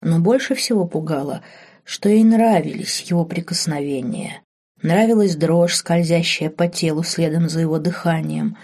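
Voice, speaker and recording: A woman narrating a romance novel audiobook in a measured, softly expressive way. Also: deep voice.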